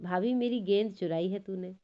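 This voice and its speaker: A woman's voice: mid-range voice, moderate pace, dull audio, lightly acted. A woman doing a teasing mischievous cowherd boy. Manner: teasing, sweet coaxing.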